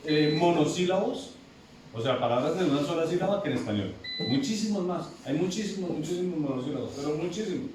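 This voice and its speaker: A man with a somewhat high voice lectures to a class, often repeating words and checking that students follow. He sounds far from the microphone in a very echoey classroom. Steady room noise runs under his voice. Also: fairly quick. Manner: repetitive, asks students checking questions. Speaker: English teacher. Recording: very echoey classroom from afar, noisy.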